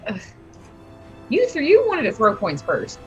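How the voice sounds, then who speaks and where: A woman's voice: a little high, wildly swooping pitch, measured pace, highs cut off, faint music behind. A woman playing a tabletop game, talking casually through her turn.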